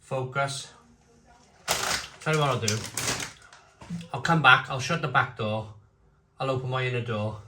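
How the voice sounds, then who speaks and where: A man giving a casual, unscripted review at home, talking haltingly and repeating his phrases. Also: medium pitch. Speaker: food and beer reviewer. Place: home conservatory. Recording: roomy echo, faint background noise.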